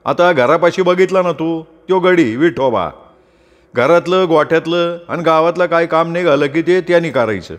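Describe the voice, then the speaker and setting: A man voicing a boisterous, generous farmer with loud, hearty rural talk. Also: on the high side, moderate pace, big-room sound, pitched above the performer's own voice, natural voice. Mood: explaining. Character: boisterous, generous middle-aged farmer, former convict.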